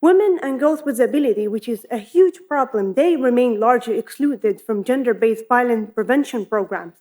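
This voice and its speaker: A woman's voice: a little high, expressive, darkish tone. Young woman from Palestine giving a talk. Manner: earnest, listing points deliberately. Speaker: PhD researcher presenting. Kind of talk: academic conference talk.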